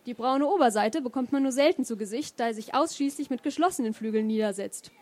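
Woman reading monotone TV nature narrator, flat and factual, somewhat high. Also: fast, no room sound, close to an everyday voice. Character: monotone documentary narrator on television.

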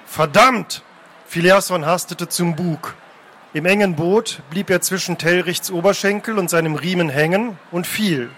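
A man reading fantasy adventure prose aloud, taking turns with a second reader and shouting out the characters' cries. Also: sits high, normal speed, slight background noise. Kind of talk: dramatic book reading, alternating narration.

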